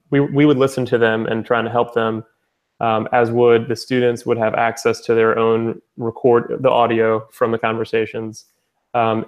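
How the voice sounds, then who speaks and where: Young man talking in a flat, level tone. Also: medium pitch. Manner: rambling, with many fillers and restarts. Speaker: founder presenting his language-exchange platform. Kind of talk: casual spoken presentation.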